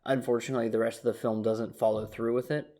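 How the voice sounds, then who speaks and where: A man co-hosting a casual movie review podcast in a middle-pitched voice. He speaks reflectively and agreeably, working through his opinions with a relaxed "you know" here and there. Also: fast, vocal fry. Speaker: podcast co-host.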